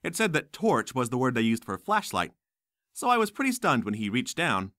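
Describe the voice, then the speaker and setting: Lively, bright-voiced man narrating. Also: medium pitch, normal speed, no room sound, studio quality. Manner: wry, lively storytelling. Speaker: audiobook narrator. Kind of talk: first-person audiobook narration.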